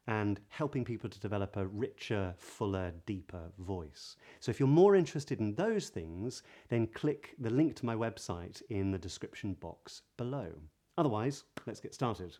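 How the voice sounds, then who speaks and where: A man with a modern standard Southern British accent, teaching pronunciation in a measured, explanatory way with careful articulation. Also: fairly low pitch, a little mellow. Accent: modern standard Southern British English. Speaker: voice coach giving a pronunciation lesson. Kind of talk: instructional lesson to camera.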